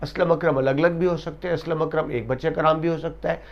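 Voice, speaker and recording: A man teaching an Urdu grammar lesson to students, speaking slowly and emphatically, stretching key words and repeating terms so they stick. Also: a little high, fairly even intonation, muffled recording. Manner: addresses students directly, repeats terms for drilling. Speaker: Urdu lecturer. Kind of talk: classroom grammar lecture.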